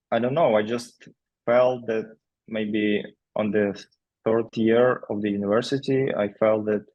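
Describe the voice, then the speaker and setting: A man's voice: fairly low pitch, highs cut off. A man, a podcast guest casually and reflectively telling his story, with many "like" and "you know" fillers. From Ukraine. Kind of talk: casual interview talk.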